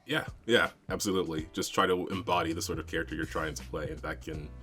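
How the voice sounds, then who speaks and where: A man's voice: low-pitched, steady tone, fast, sharp tone, soft background music. A man co-hosting a podcast, chatting casually about running tabletop games, rambling with lots of fillers and frequent laughs. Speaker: podcast co-host and game master. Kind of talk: casual chat.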